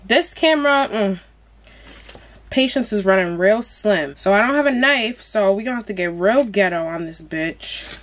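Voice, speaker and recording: Her voice sits at medium pitch, expressive, at a normal speed. She's a young woman doing a mukbang vlog at home, chatting casually while she eats, blunt and slangy.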